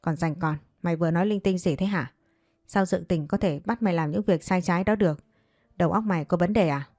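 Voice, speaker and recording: A woman playing a short-tempered storybook mother who scolds in quick, harsh bursts. The voice sits low and warm, recorded dry and close, with faint music underneath. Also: no echo. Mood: scolding. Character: stern, short-tempered middle-aged mother.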